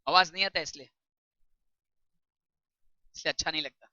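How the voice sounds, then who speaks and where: A woman tutor giving a classroom lecture, reading English text slowly and explaining it in chatty while quizzing her students. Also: deep voice, sharp tone, no room sound. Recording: dull lo-fi recording.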